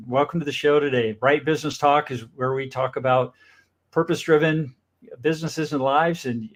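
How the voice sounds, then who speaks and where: An upbeat male talk show host with a medium-pitched, mid-range voice hosts a casual interview. He welcomes and questions his guest in a friendly manner, frequently adding enthusiastic interjections.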